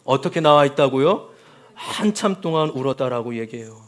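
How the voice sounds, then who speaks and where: A man's voice: medium pitch, expressive, moderate pace. A man preaching a Sunday sermon as pastor, often calling out to the congregation and acting out quoted voices.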